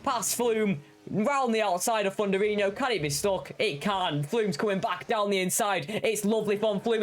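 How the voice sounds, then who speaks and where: A man commentating live on an online motor race in an excitable, effusive way. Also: high voice.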